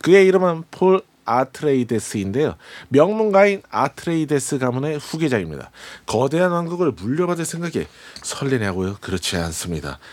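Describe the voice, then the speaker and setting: A man presenting and explaining a film in a measured, polite, scripted way to a host. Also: medium pitch, sing-song.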